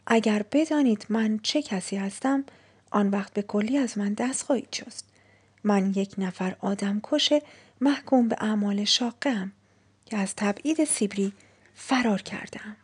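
A woman reading a nervous young suitor who confesses invented crimes in hushed whispers, with a husky voice. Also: sits high.

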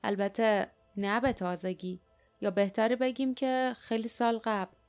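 A woman voicing a gruff, blunt grown warrior in an audiobook, speaking in a grumbling way. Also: a little high, fairly even intonation, darkish tone, soft background music, close to an everyday voice.

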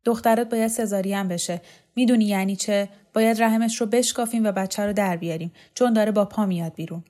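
A woman voicing a brusque, hurried doctor. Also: medium pitch, fairly even intonation, dark tone, natural voice. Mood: brisk. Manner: clipped, impatient, urgent. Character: brusque hurried female doctor, small and impatient.

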